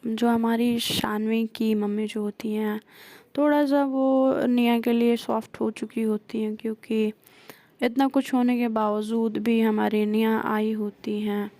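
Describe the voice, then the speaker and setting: Woman storyteller, gravelly dark voice, flat even delivery, dry close mic. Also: on the high side, measured pace, no room sound. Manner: retells scenes with quoted dialogue, frequent hesitations. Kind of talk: casual spoken story retelling.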